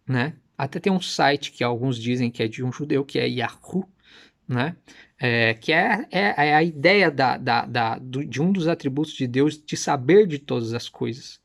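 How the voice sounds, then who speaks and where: A young man preaching and teaching with emphatic, persuasive delivery, slowing down to repeat Hebrew words carefully. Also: mid-range voice. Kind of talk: teaching sermon to camera.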